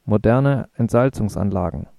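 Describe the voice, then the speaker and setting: A man's voice: on the low side, normal speed, creaky, dark tone, no echo, studio quality. A man reading the part of a cryptic male mathematician who talks in clipped, terse phrases.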